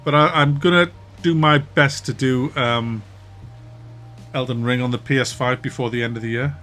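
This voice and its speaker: On a game stream, a man from North East England near Durham, with a Wearside Mackem accent, chats casually while reading out viewer comments. His pitch is medium and his speed normal, and he is relaxed and chatty, often laughing and letting sentences trail off. Soft music plays in the background.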